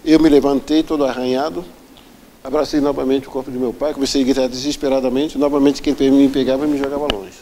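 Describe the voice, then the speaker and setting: A man with a dark, mellow voice is interviewed and recounts a hard personal story. He tells it earnestly and vividly, often acting out the people he describes. Faint background noise runs under his voice. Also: medium pitch, flat delivery, fast talker, low-quality recording. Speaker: interview guest.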